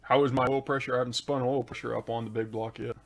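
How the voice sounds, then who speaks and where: Speaking fast with vocal fry and little pitch movement, this medium-pitched man runs a live stream where he takes viewer questions about engine tuning one by one. His manner is relaxed and conversational. He uses a desk mic and repositions it mid-show.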